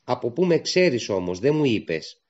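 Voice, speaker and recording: A man's voice: medium pitch, big pitch swings, darkish tone, highs cut off, close to an everyday voice. A man playing an earnest young resistance fighter. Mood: curious.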